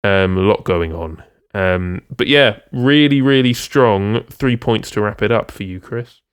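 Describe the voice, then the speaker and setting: Guy rambling on a music podcast, kinda low, smooth voice, ums everywhere. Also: measured pace, no room sound, clean studio sound. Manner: rambling, many ums and restarts. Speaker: podcast co-host. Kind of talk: casual music discussion.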